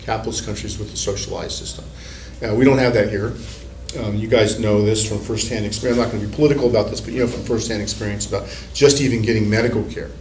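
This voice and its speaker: A man's voice: fairly low pitch, fairly even intonation, fast. A male psychology professor giving a conversational classroom lecture, rambling with restarts and repeated words. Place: university classroom. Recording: echoey classroom, recorded from a distance, faint room hiss.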